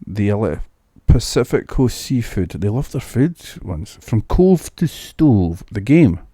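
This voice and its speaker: Low, dark-voiced Scottish man. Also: very animated, unhurried, breathy edge, no echo, clean studio sound. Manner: chatty, muses aloud, restarts words. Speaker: game streamer. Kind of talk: casual gameplay commentary. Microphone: new studio mic.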